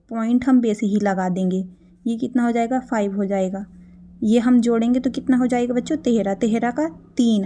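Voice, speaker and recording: Casting: woman math teacher for kids, slightly high, mellow tone, patient, keeps checking in. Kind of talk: math lesson for children.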